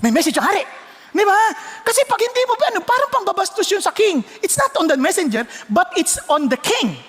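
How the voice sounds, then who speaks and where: A pastor with a Filipino accent preaching a sermon, mixing Tagalog and English with sudden loud exclamations. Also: male voice, very high-pitched, very animated, brisk, big-room sound.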